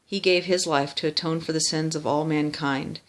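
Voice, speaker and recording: Someone reciting scripture-like text from memory by rote, mid pitch, formal, small slips they fix. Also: fairly even intonation, normal speed. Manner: formal recitation with small stumbles and self-corrections.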